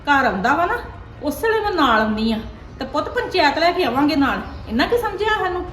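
A woman with a Punjabi accent acting a mother in a family drama, wailing, cursing and scolding loudly. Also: high voice, big pitch swings, a little fast. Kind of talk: Punjabi web-series acting. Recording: roomy echo with faint music.

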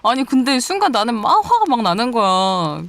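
A woman's voice: fairly high pitch, big pitch swings, normal speed, dry recording. Woman, whispered role-play girlfriend, affectionate, teasing, giggly. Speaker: ASMR role-play performer.

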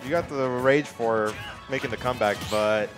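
A man giving relaxed, casual live esports co-commentary. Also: medium pitch, normal speed, over music.

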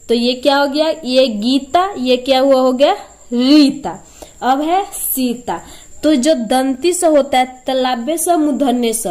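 Woman teacher going slow thru a spelling lesson, high voice, keeps repeating sounds and asking herself questions. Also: a little mellow. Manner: patient, repeats each sound, asks and answers her own questions.

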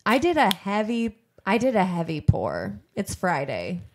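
An enthusiastic woman in a casual podcast chat, talking in a voice that sits in the middle of the usual range. She is chatty, quick to laugh and eager with ideas. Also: medium pitch, wildly swooping pitch, slight background noise. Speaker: cartoon creator and podcast co-host.

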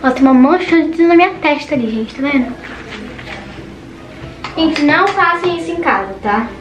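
A teenage girl with a high voice talks nervously and nonstop to her viewers. She sounds like she is in an echoey bedroom. Household noise is clearly audible behind her. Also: lively intonation, normal speed, recorded from a distance, highs cut off. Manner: nervous, chatty, says "gente" constantly. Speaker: vlogger. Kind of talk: casual vlog chat. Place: bedroom at home. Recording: echoey room with background noise.

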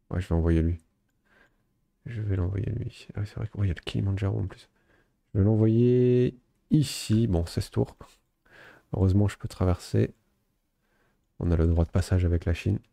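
Man, let's play commentator, low gravelly voice, dark dry close sound, relaxed thinking aloud. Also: no room sound. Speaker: gaming video host.

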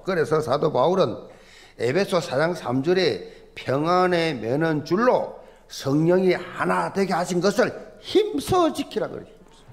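A middle-aged male pastor with a Busan accent, preaching a sermon in an emphatic, folksy, humorous way. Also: high-pitched. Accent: Busan Gyeongsang dialect. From Busan, South Korea. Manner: emphatic, swinging from loud stresses to soft asides.

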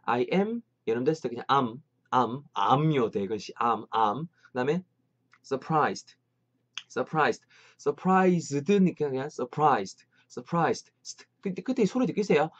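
A man teaching an English lesson, lively, drilling phrases slowly and repeatedly. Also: mid-range voice, slightly rough, lo-fi sound.

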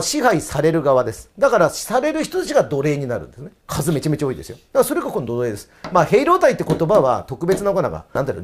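A man teaching history in a casual, chatty video lecture, tossing in playful foreign greetings. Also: high-pitched.

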